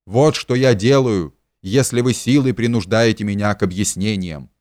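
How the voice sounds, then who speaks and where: A man's voice: mid-range voice, measured pace, no echo, clean studio sound, lightly acted. A man voicing a pompous, hypocritical middle-aged man who preaches and shrieks in indignation. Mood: shrieking.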